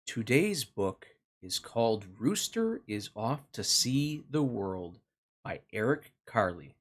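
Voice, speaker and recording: In a very animated, mid-range voice, a man hosts a children's read-along. He narrates a picture book expressively, with deliberate sing-song emphasis for young listeners.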